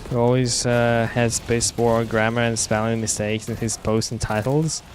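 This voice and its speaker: A man, a game streamer reading chat aloud and answering in a halting way with frequent restarts. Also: mid-range voice, level tone, a little hiss or hum. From Russia.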